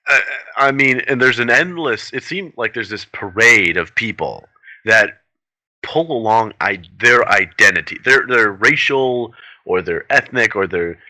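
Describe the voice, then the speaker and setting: A man's voice: fairly low pitch, unhurried, bright, forceful tone, no room sound, rough recording. A man co-hosting a podcast, talking politics in an earnest, rambling way with many restarts. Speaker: podcast co-host. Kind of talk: casual political chat.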